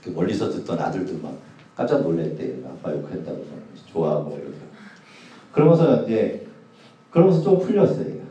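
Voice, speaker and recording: Man, youth pastor, 40s, deep dark voice, humorous casual sermon, distant mic, very echoey hall. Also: very animated, a little fast, muffled recording. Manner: casual, humorous anecdotes told to a youth group. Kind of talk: sermon storytelling. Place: church hall.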